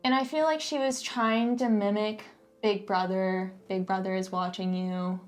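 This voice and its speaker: A woman with a medium-pitched voice talks through her criticisms in a casual co-host style. She is opinionated and sarcastic, as in an informal book discussion. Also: steady tone, unhurried. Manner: critical, sarcastic mock-quoting.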